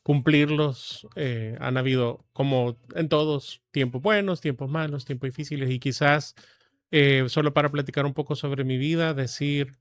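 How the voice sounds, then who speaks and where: A man in his forties from El Salvador, a guest telling his life story in a measured, reflective way with frequent pauses. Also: mid-range voice, fairly even intonation. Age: 40s. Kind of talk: testimony interview.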